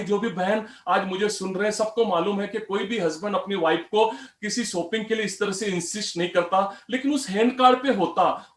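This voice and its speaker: A man telling a personal story in an animated way, voicing the customers he quotes. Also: high-pitched. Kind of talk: storytelling talk. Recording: roomy echo.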